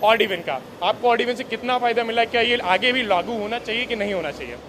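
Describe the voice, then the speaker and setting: Male field reporter, very high voice, rapid hurried delivery. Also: fairly bright tone, a little hiss or hum. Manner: hurried, repetitive phrasing. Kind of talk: live street report. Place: busy market street outdoors.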